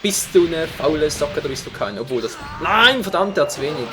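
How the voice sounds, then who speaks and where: A man giving live gameplay commentary, joking around and breaking into sudden shouts. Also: fairly high pitch, brisk, background noise. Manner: excitable, jokey, prone to sudden shouts. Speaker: let's play commentator.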